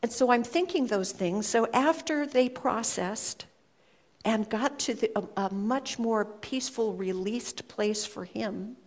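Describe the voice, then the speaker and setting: Slow, earnest woman telling a story. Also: a little high. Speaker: speaker sharing a personal story. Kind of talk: reflective storytelling talk to an audience.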